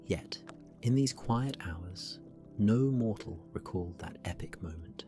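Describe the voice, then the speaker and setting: Slow, low-voiced male sleep story narrator. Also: animated, soft background music. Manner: slow, gentle, soothing, often falling near a whisper.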